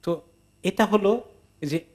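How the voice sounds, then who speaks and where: Imam guy explaining scripture in a mosque, pretty high voice, chatty, throws in english words. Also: slow pace, a little mellow. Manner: conversational, mixes in English words, asks listeners questions. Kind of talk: Quran commentary lesson.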